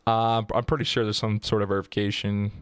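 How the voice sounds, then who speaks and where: A man talks through a true-crime case on a podcast in loose, joking, profane chat. His voice is smooth and clear, and the recording is dry and close. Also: fairly low pitch, flat delivery, quick pace, dry recording. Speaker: podcast host.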